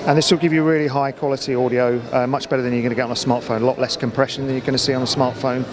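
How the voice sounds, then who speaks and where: A middle-aged company account manager, interviewed at a trade show, explains products informally at a racing pace in a flat, mid-range voice. He speaks into a handheld interview mic in a large indoor exhibition hall, with busy crowd hubbub behind him.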